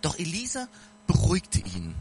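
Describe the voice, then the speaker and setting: A man's voice: on the high side, wildly swooping pitch, normal speed, a little mellow, a little hiss or hum. A man giving an informal sermon, talking straight to his listeners in a casual, earnest way. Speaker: preacher.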